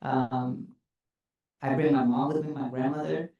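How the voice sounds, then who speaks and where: A man from El Salvador introducing himself as a panelist, earnest and deliberate. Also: mid-range voice, fairly even intonation, highs cut off. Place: conference hall. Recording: echoey conference hall.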